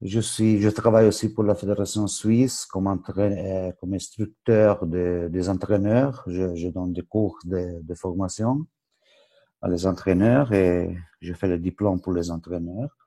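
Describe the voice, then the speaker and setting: Low, gravelly man with an Italian accent. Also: steady tone, warm tone. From Switzerland. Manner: halting, searching for words in a second language. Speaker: football coach educator. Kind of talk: webinar presentation.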